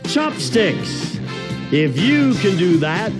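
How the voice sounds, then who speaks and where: A man working as a game show announcer, reading out prizes in a booming, drawn-out, showy delivery. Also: big pitch swings. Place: television game show studio. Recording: loud music and studio audience behind.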